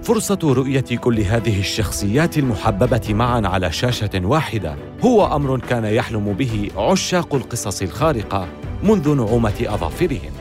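Male narrator, scripted documentary, mid-range voice, lively melodic swings, dramatic phrasing. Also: mid-range voice, a little fast, over music.

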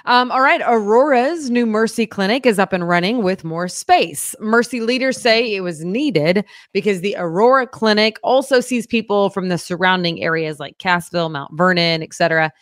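A woman co-hosting a casual local news show, chatting in an upbeat, animated way. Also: mid-range voice, normal speed, hardly any pauses, dry recording, clean studio sound.

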